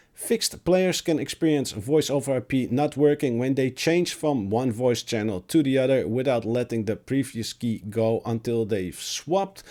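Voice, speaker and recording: Guy doing game patch news, mellow dark voice but sick so it cracks, trips over words a bit. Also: medium pitch. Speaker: gaming video creator. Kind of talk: patch notes commentary, reading aloud with remarks.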